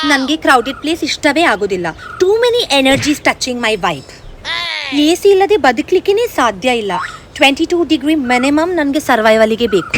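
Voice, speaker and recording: In a comedy sketch, a woman with a high-pitched voice plays a vain, fussy, overly sensitive young woman, speaking in an affected, dramatic way and mixing in English. There is background noise.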